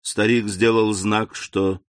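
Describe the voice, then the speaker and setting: A man narrating a classic novel as an audiobook in a measured, even manner. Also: fairly low pitch, no echo, clean studio sound. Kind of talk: audiobook reading.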